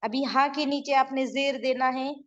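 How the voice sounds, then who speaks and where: A woman's voice: high-pitched, fairly even intonation, a little slow, a bit bright. A woman teaching letter writing online, explaining patiently as she draws and often checking that her students follow. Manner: patient, repeats and checks understanding. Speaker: online Urdu script teacher. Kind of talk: explaining while drawing letters on a board. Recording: dull lo-fi sound.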